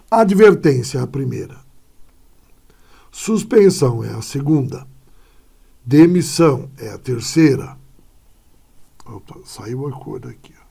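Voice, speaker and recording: A man's voice: on the high side, vocal fry, mellow, breathy edge. A male Brazilian Portuguese teacher explaining punctuation in a classroom lesson, often checking in with short tags as he points to examples.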